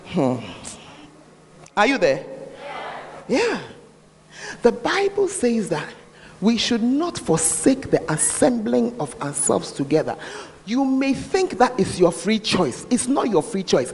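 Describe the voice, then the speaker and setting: Male Ghanaian preacher, very high voice with lively swings, scolding a congregation through a face mask in a long, reverberant hall. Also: a little slow, vocal fry, long pauses, slight background noise. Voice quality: slightly muffled by a face mask. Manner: scolding, questioning listeners directly. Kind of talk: sermon to a congregation. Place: large reverberant church.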